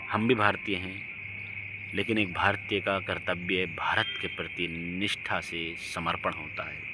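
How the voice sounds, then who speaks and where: A man giving an impassioned, preachy monologue, his voice swinging from emphatic outbursts down to low, quiet lines. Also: noisy background. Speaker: religious speaker.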